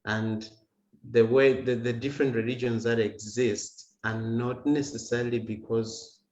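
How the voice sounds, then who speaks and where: Over a video call, a guest musician sings and chats casually in a slightly mellow, medium-pitched voice with little pitch movement and a measured pace. He stumbles and repeats words while explaining. Guitar music plays behind him, and the lo-fi sound is echoey and dull.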